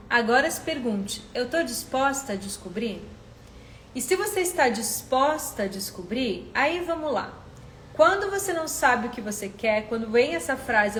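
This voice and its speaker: A woman's voice: a little high, a little hiss or hum. Woman therapist in an echoey room. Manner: warm, coaching, often asks the listener direct questions. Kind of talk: live-stream Q&A reading viewer questions.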